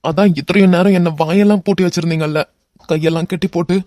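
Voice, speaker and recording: A man's voice: sits high, fairly even intonation, fast, mellow, no echo, clean studio sound, natural voice. A man voicing a hot-tempered young man who mocks and threatens a crook, with a Kanyakumari Tamil accent, in a cartoon. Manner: threatening, mocking.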